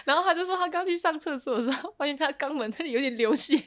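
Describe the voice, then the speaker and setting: A woman's voice: high-pitched, racing. A woman, a podcast guest telling a story in casual chat, laughing often and acting out what people said. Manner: animated, laughs often, acts out quoted lines.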